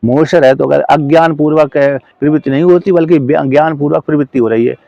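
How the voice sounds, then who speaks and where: A man with a higher-than-average voice, fairly even intonation, vocal fry and a mellow quality teaches scripture, explaining a commentary word by word. He halts often to correct himself, checks whether listeners follow, and recites verses in a slow chant. The muffled recording has no room sound.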